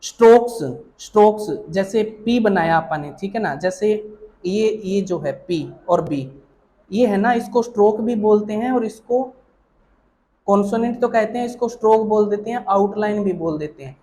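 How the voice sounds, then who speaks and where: Man with a high voice, patient teacher, explains in small steps and keeps checking in with the class. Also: dark tone, slight background noise. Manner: explains slowly, often checking with "theek hai na". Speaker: shorthand teacher. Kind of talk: online classroom lesson.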